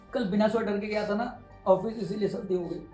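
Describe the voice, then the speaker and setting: A woman voicing a sheepish, lying young husband in a low, hoarse put-on male voice. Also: darkish tone, close to an everyday voice. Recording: roomy echo.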